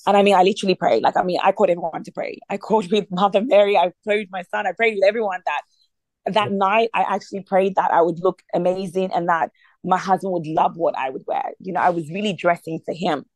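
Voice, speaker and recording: A woman's voice: fairly low pitch, fairly even intonation, fast, a little mellow, dry recording. A woman leading a prayer meeting by phone, talking in an earnest, conversational way with many fillers. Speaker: prayer line leader.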